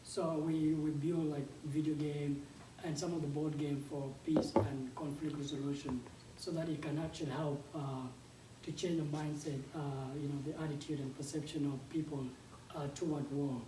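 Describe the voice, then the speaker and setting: Raised in a Ugandan refugee camp, a South Sudanese game developer and startup founder in his twenties gives an informal conference talk as a guest speaker. His voice is on the high side with a level tone, and he speaks haltingly and conversationally, often repeating words. The distant mic catches an echoey room and background noise.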